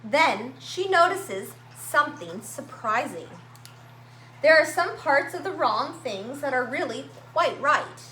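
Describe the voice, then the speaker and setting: A woman reading a picture book aloud to young children, with expressive, dramatic emphasis and drawn-out words. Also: high-pitched. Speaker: children's story-time reader at a library. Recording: roomy echo, faint background noise.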